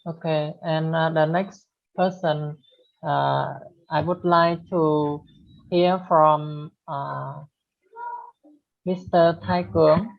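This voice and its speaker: A woman moderates a discussion in a low, gravelly voice. She goes slowly, in halting and hesitant English. The recording is dull and muffled. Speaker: discussion host. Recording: muffled, lo-fi audio.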